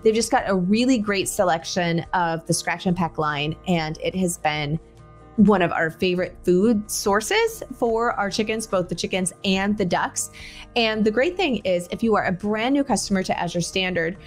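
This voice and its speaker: A woman's voice: mid-range voice, normal speed, soft background music. A woman in her forties hosting a podcast from a small home room, talking in a casual, chatty way through a headset. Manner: chatty, conversational, gestures while talking. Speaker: podcast host. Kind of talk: casual solo podcast talk. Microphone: over-ear headset.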